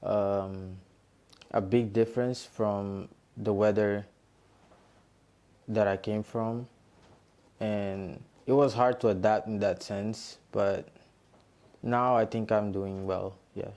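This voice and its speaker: A man's voice: fairly low pitch, steady tone, takes it slowly, long pauses, darkish tone. A young man from Angola, a student, giving reflective, slightly hesitant interview answers. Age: young adult.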